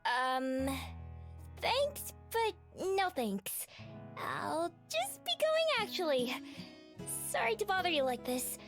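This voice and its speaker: A woman voicing a wary, timid young female drifter in a video game, speaking softly and hesitantly. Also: extremely high pitch, very animated, slow pace, faint music behind, exaggerated voice. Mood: nervous, apologetic.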